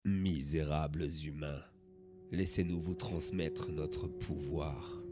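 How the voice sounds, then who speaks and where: A man's voice: rumbling low, fairly even intonation, slow pace, loud music behind the voice. An actor playing a sinister, domineering cult leader in a video game dub, solemn and menacing as he promises power.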